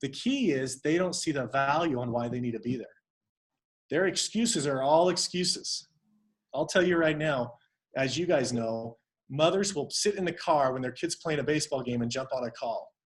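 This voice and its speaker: A man's voice: mid-range voice, expressive, moderate pace. A man coaching his team on a video call, talking conversationally and acting out sample dialogues. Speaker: network marketing team coach.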